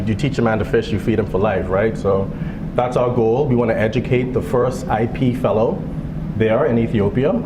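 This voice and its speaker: A man from the Bahamas in his thirties, a physician giving a fundraiser speech with a relaxed manner and joking asides. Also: mid-range voice. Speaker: guest speaker, physician. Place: event hall. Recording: echoey hall with background noise.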